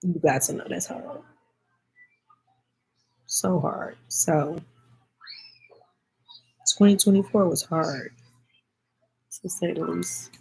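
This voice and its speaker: A woman's voice: lowish voice, slow, vocal fry, long pauses, darkish tone, slight background noise, poor audio. A woman, talking heartfelt and teary-eyed to her viewers in a casual vlog chat. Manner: heartfelt, speaks directly to viewers as y'all. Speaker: vlogger answering viewer comments.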